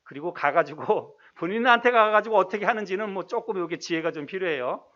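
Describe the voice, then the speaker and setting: A male pastor preaching a sermon in a conversational way, asking the congregation questions and reading scripture slowly. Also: high voice, animated, bright, forceful tone, highs cut off. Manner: reads scripture slowly and deliberately.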